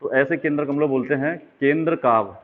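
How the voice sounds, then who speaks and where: A man's voice: mid-range voice, fairly quick. Male teacher, exam-prep biology lesson, draws as he explains, checks in often, thin phone-like audio. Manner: explaining while drawing diagrams, frequent check-ins. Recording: tinny phone-like sound.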